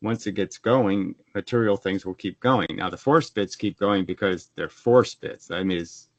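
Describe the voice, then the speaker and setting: A man with a fairly low voice explains his ideas over a video call, and the sound is dull and lo-fi. The audio is dry, with almost no room sound. He restarts his sentences often and gets more animated when he is pushed. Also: normal speed, no room sound. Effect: heard over a video call. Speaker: guest explaining his physics model. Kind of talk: conversational explaining.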